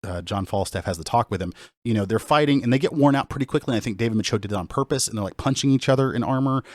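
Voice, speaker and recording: A man's voice: mid-range voice, racing, no echo, clean studio sound. A man co-hosting a casual podcast, talking in an enthusiastic, rambling way with lots of restarts. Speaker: podcast co-host. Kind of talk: casual chat.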